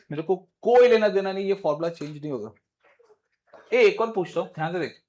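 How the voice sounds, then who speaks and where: A man teaching a physics class in mixed with English, quizzing his students in a brisk, informal way. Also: sits high, a bit bright. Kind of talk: classroom lecture.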